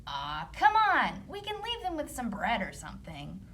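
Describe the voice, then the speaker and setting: A whiny, scheming storybook stepmother, put on by a woman. She is high and swooping, selfish and wheedling, with a fake niceness and faint noise behind. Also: huge pitch swings, moderate pace, pushed and bright, heavily acted.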